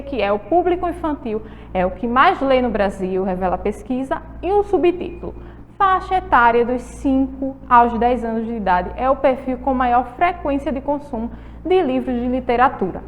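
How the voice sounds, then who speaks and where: A woman teacher with a Brazilian Portuguese accent leads a televised lesson for children in a high, bright register. She draws words out slowly to stress their syllables and keeps asking her young viewers questions. Her voice carries a long reverb. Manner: encouraging, asks the viewers questions.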